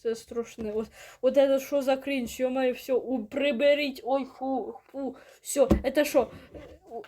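A young woman chatting through a reaction video with quick exclamations. Her voice sits high. Now and then she drops to a hushed whisper. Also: fairly even intonation, a little hiss or hum. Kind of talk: casual reaction commentary.

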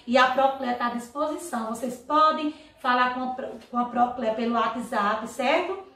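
Female Brazilian primary teacher, bright and high, recorded from a distance. Slow and patient, with constant check-ins. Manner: slow, stretched-out reading of example words with frequent "tá vendo, ó?" checks. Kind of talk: online class for young children. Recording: echoey room, voice from a distance.

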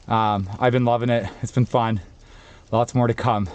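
A man's voice: mid-range voice, steady tone, normal speed, slight background noise. A man in his thirties, a dad vlogging casually to an action camera held at arm's length, partly outdoors on ski slopes and partly in a car, often cheering on his kids. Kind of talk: casual vlog.

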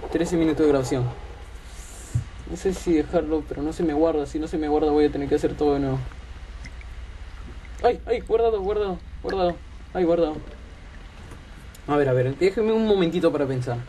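A man's voice: on the high side, fairly quick, pauses often, mellow, a little hiss or hum, rough recording. A man commentating a horror game, his voice trembling with fear as he mutters and yelps nervously. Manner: jittery, frightened exclamations and muttering. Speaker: gaming channel host.

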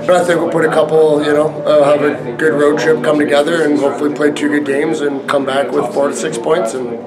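A man in his thirties, a head coach answering reporters after a game, halting with many fillers and restarts. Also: on the high side, level tone, over a noisy crowd. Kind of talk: post-game press scrum. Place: arena press area, indoors.

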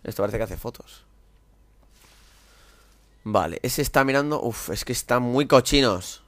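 Excitable Spanish man commentating gameplay. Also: mid-range voice, a little slow. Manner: excitable, talks to himself while playing, sudden loud outbursts. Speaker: gameplay streamer.

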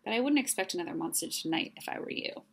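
A woman's voice: fairly low pitch, animated, fast talker, vocal fry, slightly rough, full character voice. Woman as scruffy slobbering male monster; slurpy, whiny.

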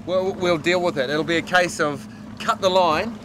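This man's voice sits high and moves at a moderate pace as he hosts a fishing show aboard a boat at sea. Chatty, jokey and playfully dramatic, he narrates casually for the camera through a lapel mic, with noise around him and music playing underneath.

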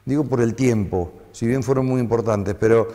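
A man's voice: mid-range voice, normal speed, warm tone, in a large hall. A man in his fifties with an Argentine accent, a former DJ recalling the past in a rambling interview, with many fillers. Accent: Argentine Spanish. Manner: reminiscing, rambling with frequent fillers. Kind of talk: conversational interview.

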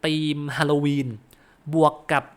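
A Thai man hosting a gaming channel, chatting casually about game concept art, often correcting himself and laughing at his own guesses. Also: measured pace.

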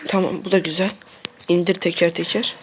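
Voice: mid-range voice, flat delivery, a little fast. A streamer giving casual commentary on a mobile shooter game, repeating short phrases and talking straight to the viewers. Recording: faint noise and clicks.

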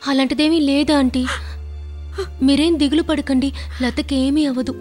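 A woman's voice: high-pitched, steady tone, moderate pace, a little mellow, soft background music, lightly acted. An actress playing an earnest young girl who politely reassures a friend's mother. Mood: reassuring.

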